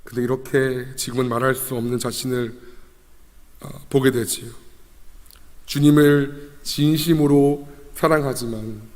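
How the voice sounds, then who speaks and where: A young man, a junior pastor, preaching a sermon in a conversational, emotive way, with rhetorical questions and repetition. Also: mid-range voice. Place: church sanctuary. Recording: long reverb of a church hall.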